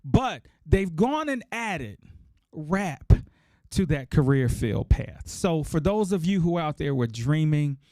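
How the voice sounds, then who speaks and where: A man's voice: on the high side, big pitch swings, slow, mellow, no echo, studio quality. A middle-aged man hosting a podcast, talking casually and emphatically to listeners, repeating key points for effect. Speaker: podcast host.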